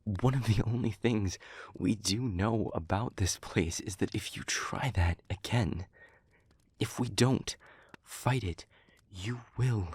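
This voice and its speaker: A low-pitched man performs a heavily acted intimate roleplay as a tormented, protective demon pleading with his former lover. Breathy and husky, he speaks haltingly, stammering with earnest feeling. The recording is dry.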